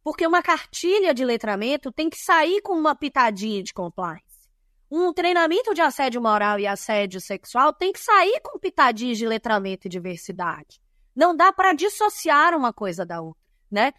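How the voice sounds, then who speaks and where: A very animated guest from Bahia, Brazil, a diversity and compliance specialist, explains her subject emphatically in a podcast interview, listing points didactically in a Bahian Brazilian Portuguese accent. Her high, slightly bright voice comes at a normal speed, recorded close and dry with no echo.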